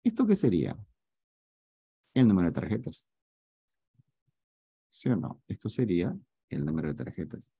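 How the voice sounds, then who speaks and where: A man teaching math in an online class, joking with his students and asking often whether it is clear. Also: fairly low pitch, huge pitch swings, moderate pace, long pauses, mellow, dry recording. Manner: joking, teasing, asks students to confirm often.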